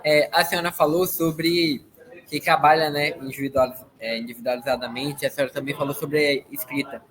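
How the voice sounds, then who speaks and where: A man's voice: on the high side, fairly even intonation, brisk, fairly bright tone. A Brazilian man politely asking a question in an online workshop, with some hesitations and restarts. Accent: Brazilian Portuguese. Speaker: student participant. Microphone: video call.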